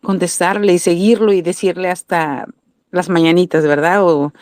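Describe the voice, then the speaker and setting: With a Mexican Spanish accent, a woman Bible teacher gives an earnest, sermon-style lesson, asking questions and answering them herself. Her voice is fairly low, a little mellow, and fairly even in intonation at a moderate pace, recorded dry with studio quality.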